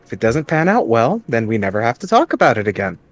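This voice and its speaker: A man's voice: mid-range voice, very animated, fast talker, soft background music. A man playing his character in a tabletop game, coaxing and scheming in a playful way. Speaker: player.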